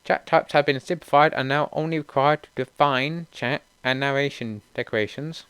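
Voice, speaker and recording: A young man reads a list of game update notes aloud, steady and matter-of-fact, with relaxed asides in between. His voice is smooth and clear, and the recording is dry and close with no room sound. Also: medium pitch, normal speed, no room sound. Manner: steady read-through with casual asides. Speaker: gaming channel host. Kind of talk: reading out patch notes.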